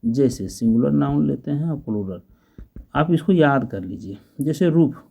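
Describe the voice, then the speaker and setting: A man's voice: mid-range voice, lively intonation, gravelly, mellow, lo-fi sound. A man teaching English grammar, spelling out each word letter by letter and asking questions as he goes. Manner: patient, spells letters slowly and asks the class questions. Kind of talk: slow grammar lesson, spelling out words.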